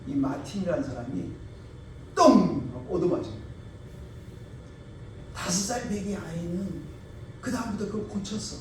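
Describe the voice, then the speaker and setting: Male pastor, emphatic sermon with acted-out story voices, slightly high voice, big echoey hall, mic at a distance. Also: animated, normal speed, long pauses. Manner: tells stories, acting out quoted voices; emphatic, swings between loud and soft. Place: church sanctuary. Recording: echoey church hall, mic far off, faint noise.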